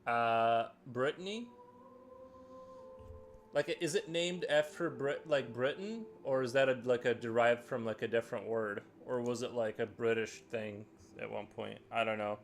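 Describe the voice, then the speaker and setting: A man's voice: medium pitch, unhurried, a little hiss or hum. A man chatting casually on a live stream while he draws, thinking aloud with frequent restarts and filler words. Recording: faint music underneath.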